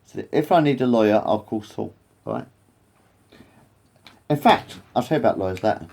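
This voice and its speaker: A fairly low, creaky voice with a darkish tone comes from an animated English man in his late forties speaking at normal speed. As a vlogger he rambles to camera, repeats himself, swears a lot and goes off on tangents.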